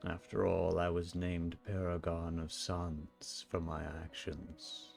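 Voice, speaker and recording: A man playing a calm, wistful ancient sun champion, speaking slowly and solemnly in a live role-play. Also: low-pitched, creaky, soft background music, exaggerated voice. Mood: reflective. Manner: slow, reflective, solemn storytelling.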